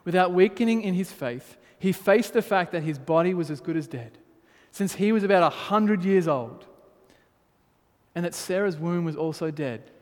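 A man's voice: sits high, lively intonation, normal speed. A man preaching a sermon as pastor, reading scripture aloud and then pressing his points with rising emphasis. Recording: long hall reverb.

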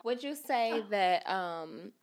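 A woman's voice: mid-range voice, lively intonation, slow pace. Woman hosting a casual podcast. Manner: friendly, short affirmations. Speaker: podcast host.

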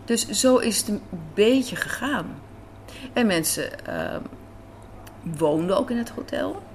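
Speaking slowly and with animation at a medium pitch, a woman casually tells stories as an interview guest; she writes and directs radio drama. The recording, made in a hotel café, carries a slight hiss or hum and faint café ambience behind her.

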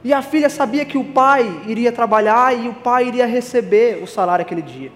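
A man's voice: very high voice, fairly quick, a little hiss or hum. A man preaching an earnest sermon, telling illustrative stories with emphatic delivery. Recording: long reverb, faint music.

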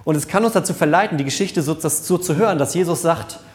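Pastor, male, slightly high voice, earnest conversational sermon with repeated phrases. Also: quick pace. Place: church service.

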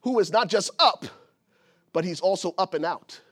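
A preacher from Liberia delivers a sermon with a high voice. He builds his points with rising emphasis and at times shouts them out to the congregation. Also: expressive, normal speed. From Liberia, West Africa. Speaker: pastor.

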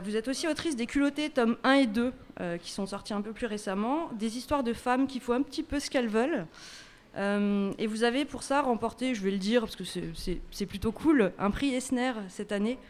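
A woman co-hosting a podcast before a live audience, introducing guests with playful, deadpan teasing. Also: on the high side, fairly quick. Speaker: podcast co-host.

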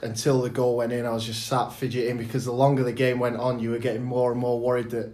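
A man's voice: mid-range voice, little pitch movement, quick pace, a little mellow. A young man chatting casually as a football podcast guest. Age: young adult. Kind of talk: casual chat.

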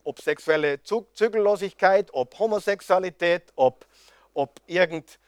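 A man's voice: high-pitched, no room sound, studio quality. A man preaching a sermon, impassioned and firing rhetorical questions at his audience.

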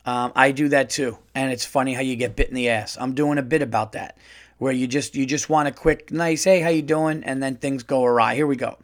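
A man's voice: medium pitch, a little fast. A man hosting a casual comedy podcast, reading listener letters aloud and reacting bluntly, often laughing and cursing. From United States. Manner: animated, laughs a lot, blunt and profane. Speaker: podcast host.

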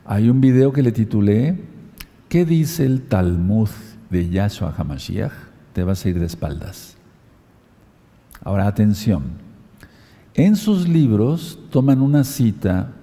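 A man with a low, very dark and mellow voice preaches a sermon. He spells out words letter by letter and reads scripture aloud. His voice carries a long reverb, as in a large hall. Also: expressive. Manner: dictates letters and verses slowly to listeners.

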